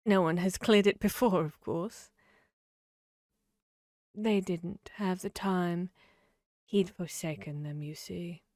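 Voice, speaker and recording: Woman as a mad grinning cat, unhurried playful drawl, teasing, fickle, riddling, dry close sound, fantasy ASMR roleplay. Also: on the low side, steady tone, darkish tone, no room sound. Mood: coy, riddling.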